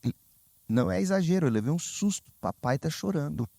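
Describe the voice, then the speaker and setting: A Brazilian man preaching a sermon as pastor, telling stories with lively, sudden high exclamations. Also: a little fast, vocal fry, no room sound. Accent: Brazilian Portuguese. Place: church sanctuary.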